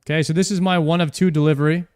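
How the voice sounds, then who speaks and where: A man's voice: fairly high pitch, steady tone, racing, a little mellow, clear, resonant tone, dry recording, studio quality, soft background music. A young man streaming a game, chatting casually and joking as he plays, often repeating himself mid-sentence. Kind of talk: casual live-stream commentary while playing.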